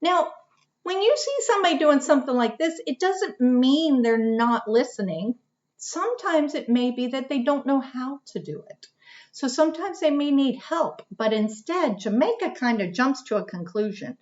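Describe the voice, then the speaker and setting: A woman leads a children's read-aloud lesson and stops often to pose questions to her young listeners. Her voice sits slightly high, and the recording sounds muffled and lo-fi. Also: moderate pace. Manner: animated, asks questions and answers them herself. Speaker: teacher reading aloud. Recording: dull lo-fi recording.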